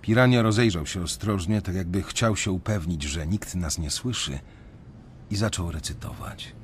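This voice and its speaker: A man with a low, natural voice plays a young adult banker, a brooding, conscience-stricken narrator, in a first-person radio drama. His storytelling is measured and introspective with a brooding mood, and the recording has a little hiss or hum.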